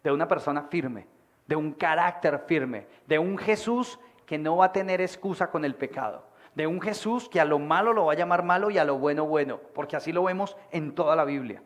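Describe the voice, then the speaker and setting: A man's voice: fairly high pitch, a little fast. A man preaching a sermon to his church, projecting his voice and acting out characters in the stories. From Colombia. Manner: animated, acts out voices of people in stories. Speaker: pastor. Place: church meeting hall.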